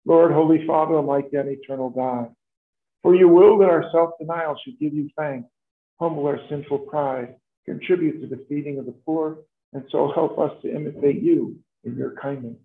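Priest with cathedral echo, tinny sound. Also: male voice, fairly high pitch, steady tone. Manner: measured, formal liturgical delivery. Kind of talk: leading Mass prayers. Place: large church. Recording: echoey church, tinny lo-fi sound.

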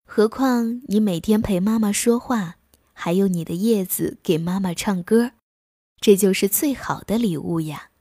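A woman's voice: medium pitch, a little slow, warm tone, no echo, clean studio sound, lightly acted. A woman voicing a tender mother poplar tree. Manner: tender, reassuring. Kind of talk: bedtime story narration.

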